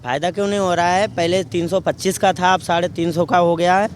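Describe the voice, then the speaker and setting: High-voiced argumentative man. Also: fairly even intonation, fast talker, a little hiss or hum. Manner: argumentative, rhetorical questions. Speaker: local resident interviewed on the street.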